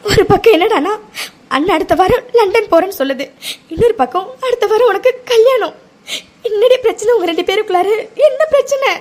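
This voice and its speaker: Cartoon role: woman doing a worried, pushy young sister, shrill and high. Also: expressive, brisk, darkish tone. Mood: upset, questioning. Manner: pressing questions, emotional. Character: anxious young sister, caring and insistent. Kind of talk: cartoon voice acting.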